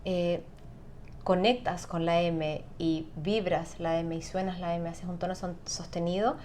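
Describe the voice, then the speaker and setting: A woman guest on an interview, explaining calmly and often adding tag questions. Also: fairly low pitch, a little slow, a little hiss or hum. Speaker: sound therapist guest. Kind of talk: conversational interview.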